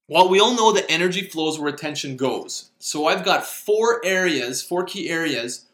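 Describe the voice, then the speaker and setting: A middle-aged man hosts his own motivational show, talking in a loose, rambling way with lots of fillers and restarts. His voice sits high and sounds bright and clear. The recording has a noticeable echo, as if made in a bare room. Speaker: podcast host. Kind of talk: casual motivational monologue. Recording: echoey room.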